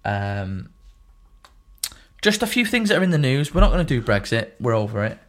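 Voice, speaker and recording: A man's voice: medium pitch, sing-song, moderate pace. A man co-hosting a casual podcast, teasing his friend and swearing freely. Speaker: podcast co-host.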